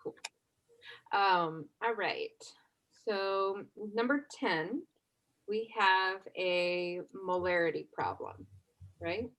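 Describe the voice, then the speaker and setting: There's a little hiss or hum and the audio is poor. The speaker, a woman with a fairly low voice, is a chemistry instructor giving a relaxed exam review, regularly quizzing her class and adding "right?" to make sure they're following.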